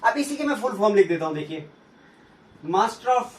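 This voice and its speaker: A man teaching an English grammar lesson, asking questions and answering them himself while repeating sounds slowly. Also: high voice, very animated. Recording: echoey room, from a distance.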